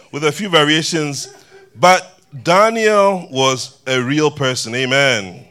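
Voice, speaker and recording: A man's voice: a little high, slow pace, sharp tone, smooth. A man preaching a sermon to a church congregation in a loose, conversational way, joking and chatting with the people in the pews. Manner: conversational, laughing, banters with congregation.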